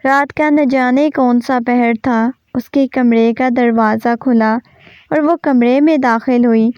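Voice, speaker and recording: A woman reading a romance novel aloud in a steady, even storytelling narration. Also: on the high side, clean tone, no room sound. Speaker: novel reader. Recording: dull lo-fi recording.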